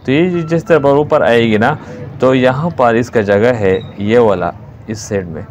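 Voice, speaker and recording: A man's voice: mid-range voice, measured pace, a little mellow, slight background noise. A man with a Pakistani Urdu accent giving a hands-on repair tutorial, explaining each step and repeating key words as he works. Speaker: repair technician.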